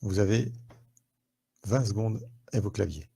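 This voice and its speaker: A man's voice: lowish voice, a little slow, gravelly, warm tone, slightly rough. A French man, a therapist, hosting a live online talk to viewers, conversational and full of questions and fillers, on a headset mic.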